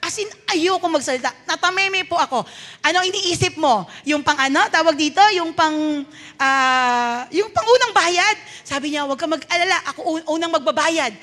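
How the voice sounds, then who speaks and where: A woman's voice: very high-pitched, expressive, normal speed, pushed and bright. A middle-aged Filipino woman pastor preaching a sermon, telling a personal story and acting out the dialogue in it, switching between Tagalog and English.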